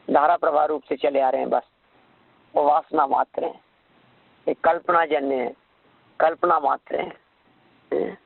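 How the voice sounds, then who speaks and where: ऊँची, खुरदरी आवाज़ वाला प्रवचनकार पुरुष. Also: male voice, on the high side, creaky, no room sound, phone-quality sound. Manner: chants verses slowly, then explains conversationally; asks the listeners rhetorical questions. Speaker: religious lecturer. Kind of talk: devotional discourse with sung verses.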